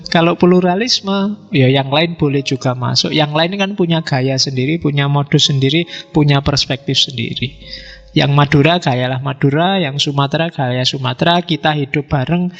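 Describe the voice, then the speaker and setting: A middle-aged man giving a public philosophy lecture, explaining slowly and putting rhetorical questions to his audience. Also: on the high side, steady tone. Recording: reverberant hall, dull sound, faint music.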